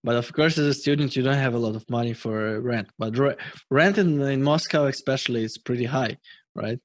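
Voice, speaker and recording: A man with a Russian accent hosts a casual podcast conversation. His voice sits at an everyday middle pitch and he halts and restarts his thoughts. The sound is close and dry. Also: dry recording. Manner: halting, many restarts and fillers. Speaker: podcast host. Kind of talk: casual chat.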